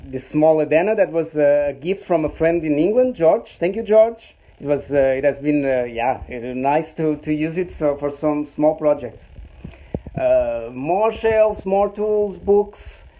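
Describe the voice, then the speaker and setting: A Portuguese-born man in his 30s, with a mellow voice on the high side, speaks at a measured pace. He hosts a casual live-stream tour of his home print workshop, a small machine room, hesitating with many fillers and restarts and chuckling often.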